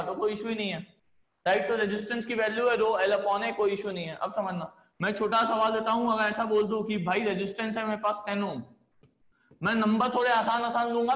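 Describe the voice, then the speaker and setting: High-voiced man teaching in an echoey room. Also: fairly bright tone. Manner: chatty, coaxing, says "है ना" often. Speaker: physics teacher. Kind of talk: classroom lecture.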